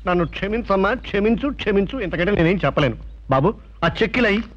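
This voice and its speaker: An actor playing a pompous, sweet-talking male swindler who gives grand, drawn-out pleas. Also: sits high, animated. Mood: melodramatic. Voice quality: grandly theatrical, drawn-out pleading speech. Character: pompous sweet-talking male con man, middle-aged. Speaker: smooth-talking swindler who hands out bad checks. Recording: muffled film soundtrack with loud music.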